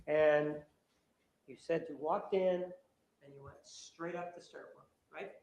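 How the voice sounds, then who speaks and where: A man's voice: on the high side, steady tone, slow pace, darkish tone. A man prosecuting at a trial, cross-examining a witness with pressing, repetitive, combative questions. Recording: echoey courtroom audio.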